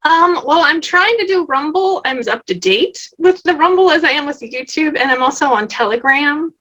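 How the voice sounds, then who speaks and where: A woman's voice: high voice, expressive, moderate pace, fairly bright tone, highs cut off. A woman guest in a casual interview, talking effusively and enthusiastically about her work. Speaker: interview guest, channel creator.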